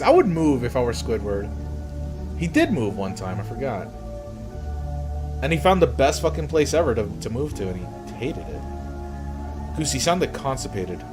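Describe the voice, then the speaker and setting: A male streamer chats casually while reacting to videos, with a crude, laid-back sense of humor. His voice moves a lot in pitch. Music plays behind him. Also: huge pitch swings, normal speed. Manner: laid-back, crude, jokey, laughs often.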